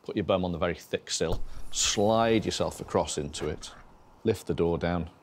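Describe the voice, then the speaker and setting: A man's voice: low voice, moderate pace, slight background noise. A man speaking as a car expert in a documentary interview, with a chatty, wry storytelling manner. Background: faint background music.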